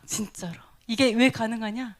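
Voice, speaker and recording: Female preacher, high voice, questioning, laughing, sudden whispered asides. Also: moderate pace. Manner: asks the listeners questions, then drops to a breathy whisper; laughs often between phrases. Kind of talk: sermon.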